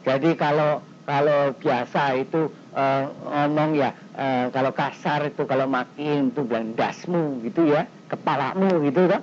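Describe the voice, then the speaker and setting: A man preaching a sermon in an animated, conversational way, with sudden leaps in pitch. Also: moderate pace. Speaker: pastor. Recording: dull, slightly noisy 1990s recording.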